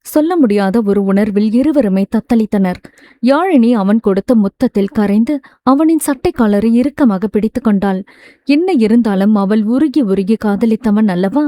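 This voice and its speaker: A woman reading a romance novel aloud as a steady, smooth storyteller. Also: on the high side, no room sound. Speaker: audiobook narrator. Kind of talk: scripted narration.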